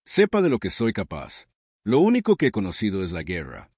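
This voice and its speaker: A man's voice: on the low side, wildly swooping pitch, fairly quick, darkish tone, husky, no room sound, clean studio sound, exaggerated voice. A man voicing a weary human soldier in a sci-fi story reading, speaking steadily and with determination. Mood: determined.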